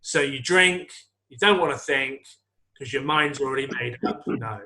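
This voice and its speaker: A man's voice: medium pitch, normal speed, pushed and bright. A man co-hosting a comedy podcast, rambling casually about songs, swearing and laughing as he goes. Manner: rambling, swearing, laughs often, sings song lines. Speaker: podcast co-host.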